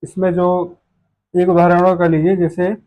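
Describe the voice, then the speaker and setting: Man, high voice, grammar teacher, step-by-step explaining, asks then answers himself. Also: monotone, normal speed, darkish tone, low-quality recording. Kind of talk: online grammar lesson.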